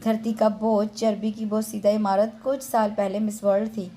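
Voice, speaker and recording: A woman reading as a lively young woman with a sharp, mocking tongue, her voice warm and mellow even as she pokes fun. The jokes come out playful and theatrical, straight from the pages of a storybook. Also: mid-range voice, normal speed, close to an everyday voice.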